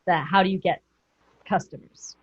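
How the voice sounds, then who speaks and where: Her steady, low-leaning voice carries a breathy edge at normal speed. Running a group coaching call as a business mentor, she's chatty and encouraging, thinking out loud and correcting herself mid-sentence, all in muffled, dull video call sound.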